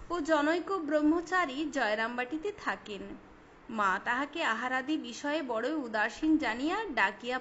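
High-voiced woman reading a biography. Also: a bit bright. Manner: measured, formal literary reading. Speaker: reader. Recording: slightly dull recording with faint hiss.

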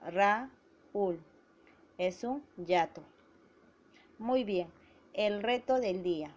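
A woman teacher giving a grammar lesson to schoolchildren, slowly spelling out syllables. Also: mid-range voice, animated, a little mellow. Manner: slow and deliberate, spelling out syllables. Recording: dull lo-fi recording.

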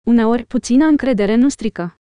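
A woman voicing a calm, wise older male Jedi master who speaks gently and unhurriedly in an audiobook reading. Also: fairly high pitch, clean tone, no room sound, studio quality, close to an everyday voice.

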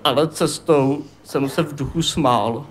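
A man doing a stand-up monologue, telling a story in a dry deadpan way. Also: a little high. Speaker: stand-up comedian. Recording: live stage, loud laughing audience. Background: loud audience laughter and noise.

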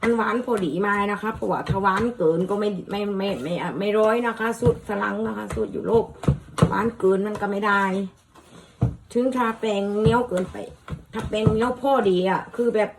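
A woman from Thailand casually demonstrating a recipe in a home kitchen. She speaks politely, explains each step and softly repeats herself. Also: medium pitch, brisk, vocal fry, noisy background. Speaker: cooking vlogger.

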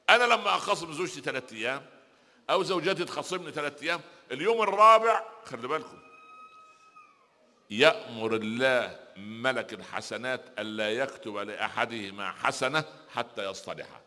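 Egyptian preacher guy, middle-aged, talks quick and tells jokes, lots of reverb from the hall. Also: medium pitch. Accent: Egyptian Arabic. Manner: lively storyteller, rhetorical questions to the audience. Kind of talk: religious lecture with humorous anecdotes.

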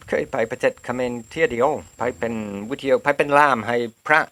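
A middle-aged Western man who learned Isan Lao as an adult, speaking it with a foreign accent in a relaxed, chatty way. His voice sits at an ordinary middle pitch, and he talks like a guest at ease in a casual interview. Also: brisk, no room sound. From Western country. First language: English. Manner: relaxed, chatty, drops rural particles.

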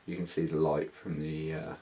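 This British man in his thirties, a motovlogger, has a very deep, dark voice with a level tone and normal speed. Indoors in a small living room, he gives a casual, slangy, somewhat hesitant hands-on gear walkthrough.

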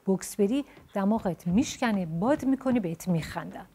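A woman's voice: mid-range voice, expressive, warm tone, husky. A woman voicing a blunt, spirited short-haired tomboy girl in a told storybook tale. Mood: lively chatty. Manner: blunt, quick-tempered, then chatty.

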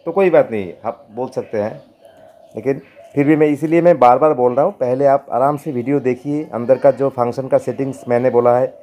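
Man with a mellow voice, teaching slowly. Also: medium pitch. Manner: slow, repetitive, pleading. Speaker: keyboard tutorial host. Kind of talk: step-by-step keyboard tutorial.

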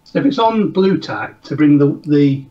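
A man's voice: a little high, expressive, moderate pace. A man joining a casual modelling live show over a call, talking hesitantly and self-deprecatingly, often trailing off mid-sentence. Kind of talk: casual live-stream chat. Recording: slightly dull call audio.

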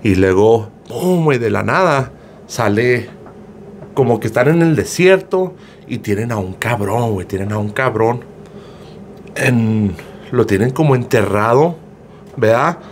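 A man's voice: mid-range voice, animated, a little slow, slight background noise. A man, casually retelling a viral video as gossip, slangy and profane, with a filler word after nearly every phrase. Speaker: gossip storyteller.

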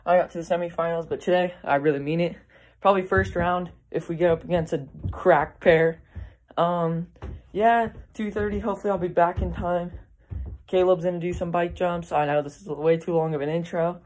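A woman's voice: lowish voice, fairly even intonation, moderate pace, darkish tone. A young woman talking casually to her viewers in a vlog, rambling with many ums and restarts and laughing easily. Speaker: vlogger.

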